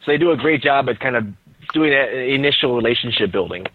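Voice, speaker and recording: A man's voice: medium pitch, expressive, quick pace, slight background noise. A man joining a casual movie podcast, talking thoughtfully with fillers. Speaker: podcast panelist. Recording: thin phone-like remote line.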